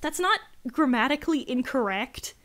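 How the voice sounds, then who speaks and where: A woman with a fairly high voice hosts a casual livestream and tears into a letter she is reading out. Her delivery is sarcastic and exasperated, with plenty of swearing along the way. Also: lively intonation, moderate pace, a bit bright. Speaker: livestream host.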